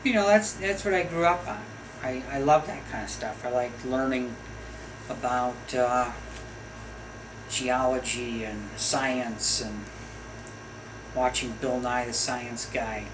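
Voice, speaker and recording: A middle-aged man from the States drifts through a loose, chatty monologue, tossing in offhand jokes as he goes. His voice sits at an ordinary middle pitch. A clear bed of steady background noise runs under him the whole time. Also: slow pace, pauses often. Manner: chatty, wandering, with jokey asides. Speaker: video host. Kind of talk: casual rambling monologue.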